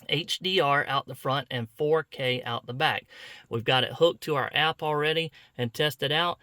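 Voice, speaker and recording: Male product reviewer, mid-pitch, folksy and easygoing, dry close sound. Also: sharp tone, no room sound. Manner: folksy, conversational, walks through steps. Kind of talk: casual product review demo.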